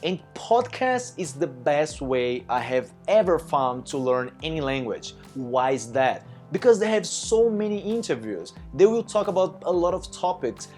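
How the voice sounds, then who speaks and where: A man's voice: a little high, big pitch swings, unhurried, hardly any pauses, darkish tone, soft background music. A non-native English-speaking man with a Russian accent gives casual, chatty advice, peppered with filler phrases and acted-out bits of dialogue. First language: not English, learned it as a second language. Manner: chatty, frequent "you know", acts out little dialogues. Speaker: language-learning content creator. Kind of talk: casual advice talk to camera.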